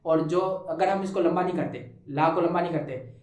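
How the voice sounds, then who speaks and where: High-voiced teacher in an echoey room. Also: male voice, a little mellow. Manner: slow, repetitive letter-by-letter drilling with friendly asides. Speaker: Quran reading teacher. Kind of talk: casual spoken lesson. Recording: echoey room, voice far from mic.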